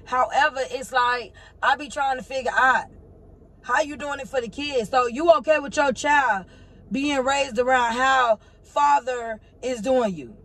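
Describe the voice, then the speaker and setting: A woman vlogger ranting to her viewers on her phone. She is animated and swings between loud outbursts and low muttering. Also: a little slow. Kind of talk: heated casual rant to camera.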